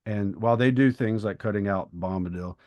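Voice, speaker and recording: Speaking fairly quickly in a lowish, darkish voice, a middle-aged man co-hosts a podcast in a casual, conversational discussion. He's a writer with a bookish, opinionated streak who explains at length. The recording is dry.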